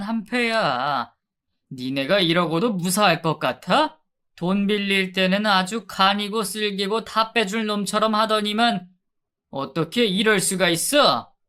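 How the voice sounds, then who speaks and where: Thug debt collector, male, menacing and loud, put on by a woman narrator, bright crisp tone. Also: medium pitch. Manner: threatening, yelling.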